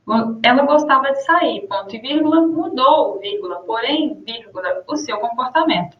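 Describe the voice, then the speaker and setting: Young Brazilian woman, grammar teacher, high-ish voice, lo-fi echoey take. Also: lively intonation. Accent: Brazilian Portuguese. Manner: explains with spoken examples, slows to dictate punctuation. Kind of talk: grammar lesson. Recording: roomy muffled lo-fi room sound.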